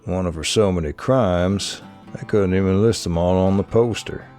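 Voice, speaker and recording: A man gives a deep, low voice to this measured, storytelling game narrator. He reads second-person scripted narration with a steady pace. Soft music plays faintly behind him. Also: lightly acted.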